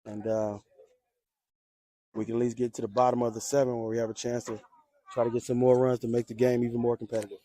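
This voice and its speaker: A young man calling play-by-play for his school's junior varsity baseball team, rooting for his side and jumping up in pitch on big plays. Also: fast talker, long pauses, no echo. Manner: excitable, rises sharply on big plays. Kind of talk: homer play-by-play commentary. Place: ballpark.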